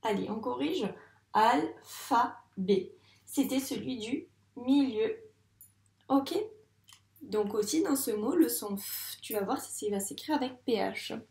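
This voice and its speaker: A woman's voice: a little high, measured pace, gravelly, mellow. Patient teacher woman, roomy echo. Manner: patient, stretches out words syllable by syllable. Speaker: primary school teacher. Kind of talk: video lesson for a young child.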